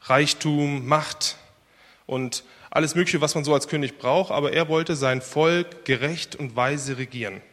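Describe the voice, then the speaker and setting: A fairly high-voiced man preaches to his congregation. He talks earnestly, pushing key words hard. His voice rings out with a long echo through a church hall. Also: unhurried, a bit bright. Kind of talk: sermon with prayer and Bible reading. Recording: reverberant hall.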